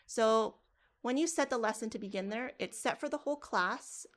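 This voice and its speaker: A woman's voice: a little high, normal speed. Lady walking teachers thru a coding demo, chatty, keeps restarting sentences. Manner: casual, thinking aloud with restarts. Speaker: teacher trainer. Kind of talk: live coding workshop demo.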